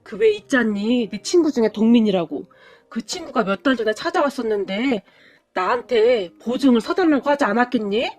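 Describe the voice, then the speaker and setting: A woman voicing a playful elderly father-in-law who talks slowly and teasingly. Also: on the high side, big pitch swings, faint music behind. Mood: somber.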